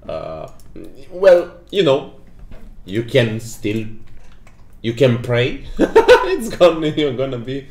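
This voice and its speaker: A young man in his 20s, not a native English speaker, hosts a casual livestream as a game developer, giggling often and reading the chat aloud. His medium-pitched voice is sing-song and a little mellow, moving very slowly with long pauses. The room has a noticeable echo.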